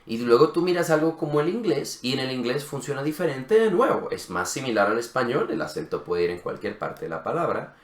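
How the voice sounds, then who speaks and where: A man's voice: mid-range voice, sing-song, fairly quick, hardly any pauses. Methodical man explaining in a roomy echo. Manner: methodical, checks in with frequent "¿sí?". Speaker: co-host of a language channel. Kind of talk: explanatory casual conversation.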